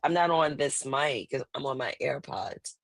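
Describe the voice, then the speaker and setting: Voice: mid-range voice, animated, moderate pace, no room sound. A laid-back podcast host talking casually from home through wireless earbuds, the voice chopped and thinned by noise cancellation. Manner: laid-back, rambling, loud exclamations. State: sleepy, just out of bed. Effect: voice clipped by earbud noise cancellation. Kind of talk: casual chat. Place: home, at a computer.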